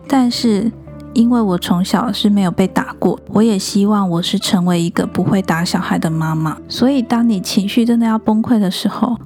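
A woman in her thirties hosting a podcast, talking calmly and gently about raising children. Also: mid-range voice. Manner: calm, gentle, reflective advice. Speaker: podcast host. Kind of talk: podcast monologue on parenting.

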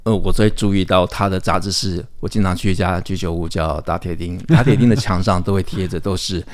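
A man hosting a radio interview, speaking in a measured, courteous way and praising his guest. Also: low-pitched, fairly even intonation.

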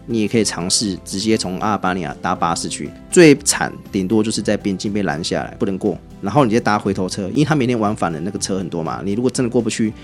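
A Taiwanese-accented man talks at a breakneck clip, his voice sitting low. He spins lively travel anecdotes as a podcast guest, faint music drifting underneath. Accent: Taiwanese Mandarin. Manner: animated, chatty anecdotes. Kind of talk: casual podcast storytelling.

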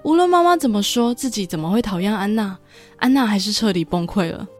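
Calm woman retelling a drama. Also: mid-range voice, brisk. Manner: calm, reflective retelling, reading the characters' lines in her own voice. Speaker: podcast host retelling a drama. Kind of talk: storytelling recap with quoted dialogue. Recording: dry close studio mic with faint background music.

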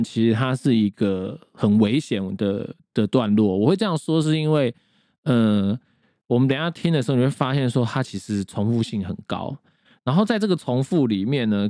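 Brief: male podcast co-host, mid-pitched, explains at length, pauses to think, dry close mic. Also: a little mellow, no echo. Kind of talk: casual chat on classical music.

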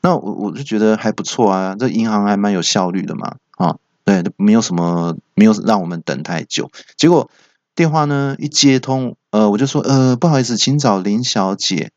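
A man's voice: lowish voice, animated, normal speed, darkish tone, no room sound. A man hosting a comedy podcast, telling a story in a chatty, filler-heavy way. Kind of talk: stand-up storytelling monologue. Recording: dull dry recording.

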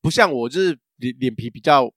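A man's voice: medium pitch, expressive, brisk, fairly bright tone, no room sound, clean studio sound. A man, co-hosting a casual podcast chat and telling a rambling story full of fillers and restarts. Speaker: podcast co-host.

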